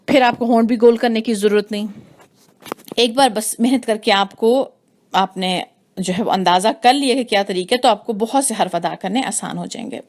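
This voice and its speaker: Woman, recitation teacher, patient lesson, repeats sounds to demonstrate. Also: mid-range voice. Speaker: tajweed teacher.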